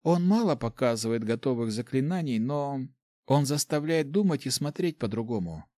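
Soft young heroine of a fantasy audiobook, calm and explaining, as a male narrator reads her in a slightly raised voice. Dry, close sound. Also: medium pitch, moderate pace, no room sound, voice pushed up, lightly acted. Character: young woman, gentle apprentice assassin.

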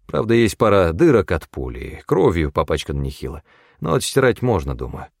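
Brief: male audiobook narrator, low and expressive, first-person story read, dry booth sound. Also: normal speed, creaky, no echo.

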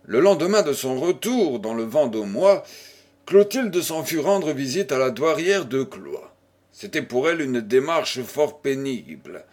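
A man reading a classic novel aloud as an audiobook narrator, in a steady storytelling voice. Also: medium pitch.

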